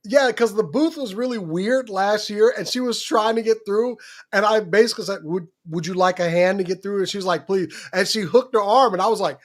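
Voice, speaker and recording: High-voiced man telling stories animatedly. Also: a little fast. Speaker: co-host. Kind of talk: casual livestream chat.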